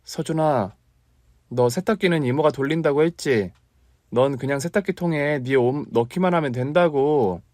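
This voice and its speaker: A man voicing a young woman, a devoted aunt raising her nephew, in a dramatized story reading, his voice pushed much higher than his own. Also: normal speed, a little mellow, no room sound, clean studio sound, natural voice. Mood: gentle affectionate. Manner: emotional, pleading, teasing by turns.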